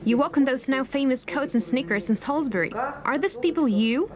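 A woman's voice: high voice, animated, fairly quick, crowd noise. A woman reading an interviewer's questions as a translation voice-over dubbed onto an interview, pointed and probing.

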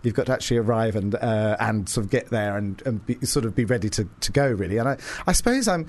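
A man's voice: lowish voice, lively intonation, fast, a little mellow. A middle-aged man presenting a radio show in a campy, theatrical drag-diva manner, drawing out words and endearments.

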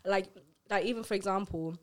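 Woman, casual chat, rambling filler-heavy talk, mid-pitched. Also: a little fast. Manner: rambling, with lots of fillers and trailing restarts.

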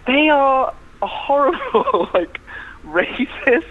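A man's voice: very high-pitched, big pitch swings, slow pace. A young man, a podcast guest, chatting animatedly with frequent laughs and lots of "like". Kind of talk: casual chat. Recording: slightly dull lo-fi sound with faint noise.

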